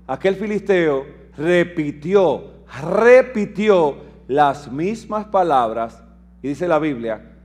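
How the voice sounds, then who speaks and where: A man with a high-pitched voice delivers a lively sermon-style teaching. He retells scripture with emphatic, shifting delivery and keeps turning to his listeners with rhetorical questions. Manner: asks the audience rhetorical questions. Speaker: preacher and health lecturer.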